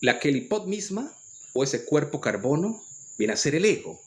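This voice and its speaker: A man's voice: a little high, big pitch swings, moderate pace, a little mellow. A man with a Peruvian accent giving an earnest, lecturing spiritual monologue, often restarting his phrases. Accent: Peruvian Spanish. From Peru. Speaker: spiritual commentator.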